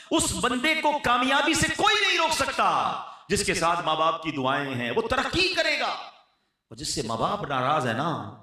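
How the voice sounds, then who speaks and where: A man preaching an Islamic sermon, animated and rising to emphatic exhortation. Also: high voice, distant mic. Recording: echoey hall, voice from afar.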